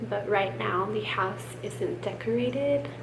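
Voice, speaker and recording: A woman's voice: mid-range voice, takes it slowly. A young American woman chatting casually to camera, rambling and self-deprecating, sick with a swollen sore throat and keeping her voice down, sometimes to a whisper. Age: young adult. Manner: hushed, keeping quiet, at times dropping to a whisper. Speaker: vlogger. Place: room at home. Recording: roomy, noisy home camera recording.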